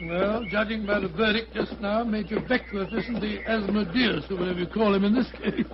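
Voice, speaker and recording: A bluff, amiable British doctor in a vintage radio play. His voice sits high for a man, with blustering exclamations and stammered repeats, on a dull recording with clear background noise. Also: fairly even intonation, brisk. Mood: excited. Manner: blustering, exclamatory, hesitant repetitions. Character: bluff, amiable middle-aged English doctor, detective's sidekick. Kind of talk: 1940s radio acting.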